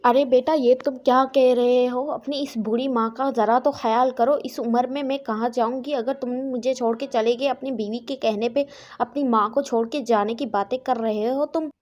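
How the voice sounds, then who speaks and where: Cartoon casting: seventy-year-old domineering mother-in-law, high-pitched and scolding, voiced by a woman. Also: moderate pace, a little mellow, muffled recording, lightly acted. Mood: alarmed. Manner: scolding, later pleading. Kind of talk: cartoon story voice acting.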